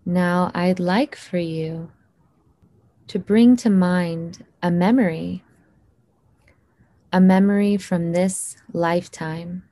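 A woman leading a guided hypnosis meditation in a slow, soothing voice with long pauses. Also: fairly low pitch, steady tone, mellow, no echo.

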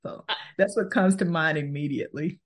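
A woman, answering interview questions in a thoughtful, unhurried way and laughing easily. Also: sits low. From Texas, US. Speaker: podcast host, guest.

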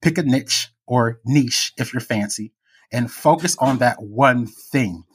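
A man hosts a podcast with a slightly husky voice. He reads his intro and asks questions in an upbeat, enthusiastic way. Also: mid-range voice, slow pace. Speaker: podcast host. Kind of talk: scripted show intro and interview.

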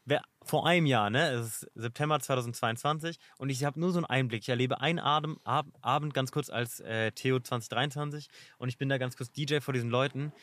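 Male podcast host, eager, quick to affirm, mid pitch, dry recording. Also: a bit bright, no echo. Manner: eager, lots of affirming fillers. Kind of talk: casual podcast chat.

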